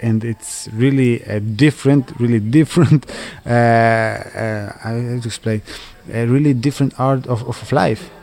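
Man, from Switzerland, hesitant non-native English, restarts, medium-pitched. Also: steady tone, unhurried, vocal fry, few pauses, darkish tone. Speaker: interviewee, footballer. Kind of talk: casual interview answers.

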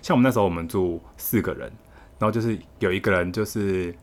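A young man with a Taiwanese Mandarin accent, telling funny stories in casual chat, animated and laughing, restarting his sentences often. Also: low voice, fast talker. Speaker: guest storyteller.

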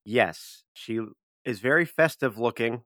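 A man's voice: medium pitch, a little slow, fairly bright tone, no echo, studio quality. A man playing a tabletop role-play game, joking and giggly as he describes his character. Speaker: player. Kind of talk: casual chat and in-character description.

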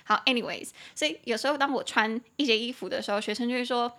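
A woman with a Taiwanese Mandarin accent teaching English on a podcast in a casual, chatty way, spelling words out slowly and drifting into asides. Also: a little high, bright, forceful tone. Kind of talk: casual spoken English lesson.

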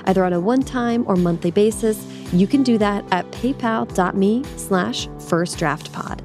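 A woman hosts a podcast interview over a video call, chatting in a friendly way and laughing easily. Music plays clearly beneath her voice. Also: medium pitch. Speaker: podcast host.

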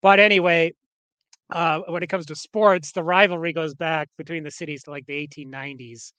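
A man's voice: a little high, steady tone, a little fast, bright, forceful tone, smooth, no echo. A Canadian man co-hosting a podcast in casual chat, rambling with lots of fillers and restarts. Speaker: podcast co-host.

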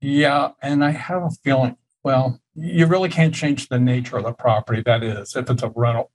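A man's voice: mid-range voice, normal speed, slight background noise, poor audio. A man co-hosting a tax question show, explaining retirement plans and rules in a careful, practical way. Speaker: tax advisor co-host. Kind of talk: casual tax Q&A chat.

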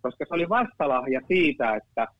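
A man's voice: mid-range voice, big pitch swings, no echo. A man in his fifties telling stories as a guest in casual chat, rambling, repeating words and swearing casually. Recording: dull lo-fi sound.

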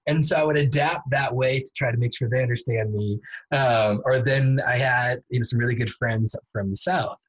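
A man's voice: mid-range voice, fairly even intonation, moderate pace, slightly rough, rough recording. A man from the United States hosting a podcast interview, talking in a loose, rambling way with frequent restarts and long-winded questions. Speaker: podcast host. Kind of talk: casual interview chat.

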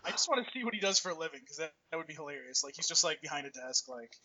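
A man's voice: fairly high pitch, expressive, rapid-fire, muffled recording, crowd noise. A man bantering casually with friends, jokey, often repeating his opening words as he jumps in.

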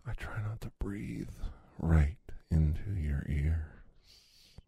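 A man whispering softly and soothingly very close to the mic in an ASMR massage roleplay. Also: rumbling low, vocal fry, a little hiss or hum. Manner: soft whispering, slow and soothing. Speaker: ASMR performer.

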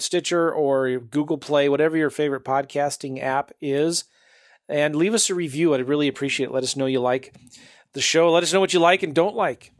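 A man's voice: fairly high pitch, no echo, studio quality. A man hosting a podcast, upbeat and chatty, often laughing as he talks. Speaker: podcast host. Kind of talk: casual interview chat.

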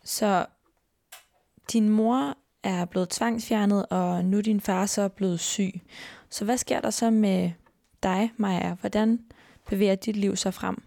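A woman interviewer asking gentle, probing questions in a documentary interview. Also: mid-range voice, fairly even intonation, gravelly, no echo.

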